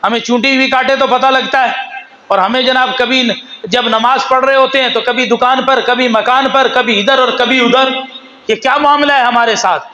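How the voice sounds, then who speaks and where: A man with a Pakistani Urdu accent preaching a sermon, animated, moving between low storytelling and raised exhortation, and slowly drawing out Arabic phrases. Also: poor audio. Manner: slow, drawn-out recitation of Arabic phrases.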